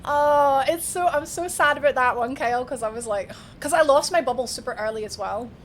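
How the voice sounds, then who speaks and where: A woman's voice: high-pitched, brisk, a little hiss or hum. A woman with an Edinburgh Scottish accent giving casual, informal live gameplay commentary, thinking aloud and chatting with viewers. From Edinburgh, Scotland. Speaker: video game streamer. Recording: music behind the voice. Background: music.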